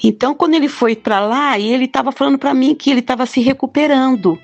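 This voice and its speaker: Heartfelt middle-aged woman, slightly high. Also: fast, a little mellow, lo-fi sound, soft background music. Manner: heartfelt, plain-spoken storytelling. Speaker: guest telling a near-death experience. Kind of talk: personal testimony.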